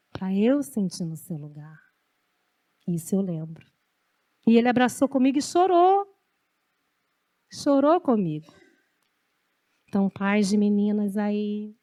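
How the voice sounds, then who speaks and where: Animated Brazilian woman preaching. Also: a little high, no room sound. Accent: Brazilian Portuguese. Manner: conversational, animated storytelling preaching. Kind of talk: sermon.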